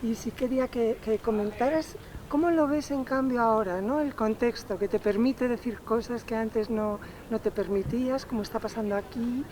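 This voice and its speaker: A woman's voice: fairly high pitch, moderate pace, mellow, a little hiss or hum. A woman interviewing, searching for her words with many restarts. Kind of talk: interview questions.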